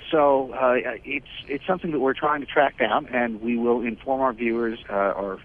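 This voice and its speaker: Man on a landline phone, tinny narrow sound, halting, lots of uh pauses, radio news co-host. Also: medium pitch, steady tone. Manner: halting, many filler pauses and restarts. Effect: over a landline phone. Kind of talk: talk radio news report.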